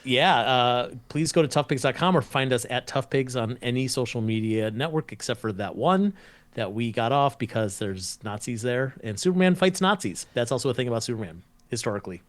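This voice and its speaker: A man's voice: medium pitch, lively intonation, brisk, dry recording. A man chatting casually as a podcast guest, rambling through explanations with playful asides. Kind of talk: casual chat.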